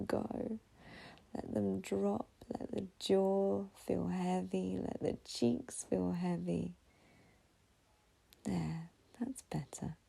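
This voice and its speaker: A woman with a lowish voice guides a meditation in a slow, soothing, breathy and husky half-whisper, leaving long pauses between phrases, and the audio quality is poor.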